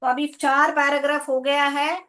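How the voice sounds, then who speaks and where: A woman's voice: high-pitched, little pitch movement, moderate pace, a bit bright. A woman teacher explaining an English lesson to her class, patiently sounding out words and asking her students questions. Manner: patient, calls students "beta", asks checking questions.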